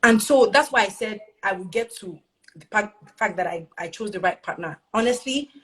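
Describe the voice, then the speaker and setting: A woman's voice: mid-range voice, moderate pace, poor audio. Earnest woman telling her story. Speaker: parent sharing her experience. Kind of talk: casual heartfelt conversation.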